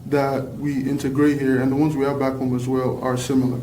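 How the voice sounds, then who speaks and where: A man's voice: medium pitch, level tone, brisk, mellow. A young man from Nigeria with a Canadian-influenced accent, giving casual, reflective answers hesitantly and saying "like" often. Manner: hesitant, frequent "like". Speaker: youth panelist. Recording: echoey, distant mic, faint noise.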